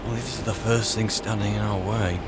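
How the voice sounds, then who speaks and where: Over video game music and sound, a British man does in-character roleplay commentary, muttering wryly to himself in a conversational way. His lowish voice is steady and fairly quick, and the recording is very noisy.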